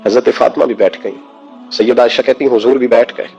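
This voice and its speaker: A man's voice: mid-range voice, steady tone, creaky, dark tone, breathy edge, highs cut off, faint music behind. A man preaching an emotional sermon, impassioned, firing rhetorical questions at his listeners.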